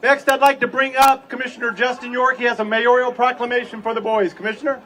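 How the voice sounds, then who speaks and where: A man's voice: extremely high pitch, flat delivery, quick pace, bright, forceful tone. A man speaking as city manager at a public ceremony on an outdoor stage, with an informal, folksy address. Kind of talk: public event speech to a crowd. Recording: distant outdoor PA with crowd and noise.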